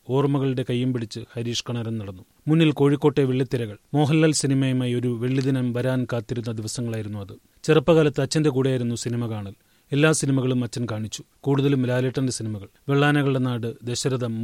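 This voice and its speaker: A man giving a steady, measured read-aloud of a newspaper feature interview. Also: medium pitch, dry recording, studio quality. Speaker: newspaper article reader.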